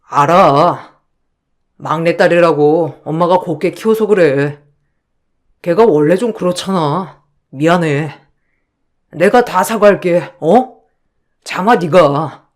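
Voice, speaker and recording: Man doing an apologetic husband, high voice, slow careful pleading, storybook drama. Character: meek young husband caught between wife and mother. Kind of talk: story narration dialogue.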